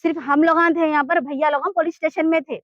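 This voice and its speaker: A woman's voice: high-pitched, steady tone, quick pace, no echo, dull audio. A woman with a Hyderabadi Urdu accent, giving an urgent, pleading complaint in a street interview. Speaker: interviewee in a land dispute.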